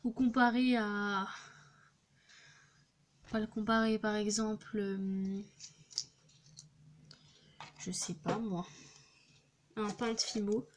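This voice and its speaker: Here a young teen craft vlogger narrates her clay creations casually, speaking slowly with frequent pauses in a medium-pitched, level voice. She stumbles through fillers and restarts, and the phone recording carries slight background noise.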